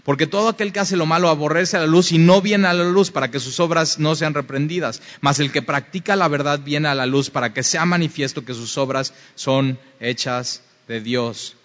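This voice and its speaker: A man preaching a fervent sermon that rises to loud, emphatic passages. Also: a little high, moderate pace, few pauses. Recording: dull, reverberant hall sound.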